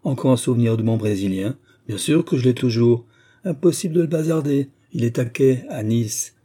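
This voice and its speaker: A man reading an audiobook, voicing a chatty, brash young woman film star who complains in lively slang, with a husky voice. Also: medium pitch, moderate pace, natural voice. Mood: complaining.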